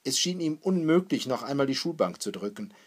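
Husky guy reading a novel aloud, measured, does the characters too. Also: medium pitch, sing-song. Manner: measured storytelling, voices the characters. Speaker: audiobook narrator. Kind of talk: scripted narration.

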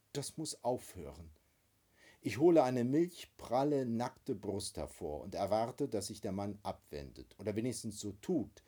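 A man reading first-person literary narration aloud as an audiobook narrator, with expressive, wry storytelling. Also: medium pitch, slightly rough.

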